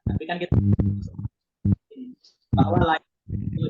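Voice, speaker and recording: Man on a video call, audio glitching and dropping out, slow broken delivery, muffled line, faint music behind. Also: on the high side, animated, gravelly, breathy edge. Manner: halting, broken phrases. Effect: choppy, cutting-out online call audio. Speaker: participant in an online business discussion. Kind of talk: casual remote talk.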